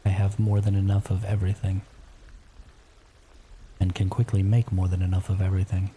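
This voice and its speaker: A man whispering quietly as he chats casually on a live gameplay stream. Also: deep voice, little pitch movement, brisk, slight background noise, poor audio.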